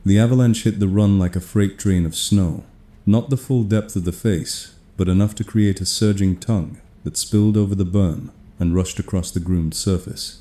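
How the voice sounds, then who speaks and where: A man telling a first-person horror story in a steady, grim, measured way. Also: sits low. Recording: echoey room.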